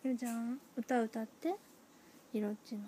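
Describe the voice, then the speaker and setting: A woman with a fairly high, warm, mellow voice makes intimate pillow talk with a young child. She is gentle and encouraging, asking simple questions. It is a home recording with faint room noise behind her. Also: fairly even intonation, normal speed.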